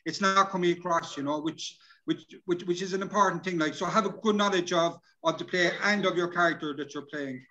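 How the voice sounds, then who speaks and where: Here the Irish presenter, middle-aged, sounds high and sharp, speaking a little fast on lo-fi audio. It's a relaxed, colloquial workshop on a video call where he repeats points, calls people "lads," and partly reads his slides.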